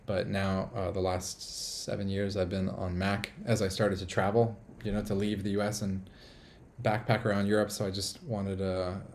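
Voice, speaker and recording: A man's voice: low-pitched, little pitch movement, moderate pace, a little mellow, a little hiss or hum. A man from the United States hosting a casual live stream from a small apartment, rambling upbeat and reading viewer comments aloud.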